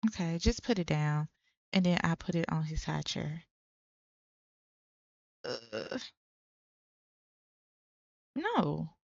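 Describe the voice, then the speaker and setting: Brief: young woman let's-player, unhurried chatty commentary, dry and slightly dull home mic. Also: low voice, animated, gravelly, no room sound. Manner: chatty and exclamatory, talking to viewers. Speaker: let's play creator. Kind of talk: casual gameplay commentary.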